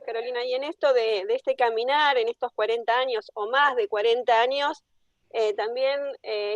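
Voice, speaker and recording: A woman moderating an online talk, introducing speakers with many pauses and fillers. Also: on the high side, no room sound, muffled recording.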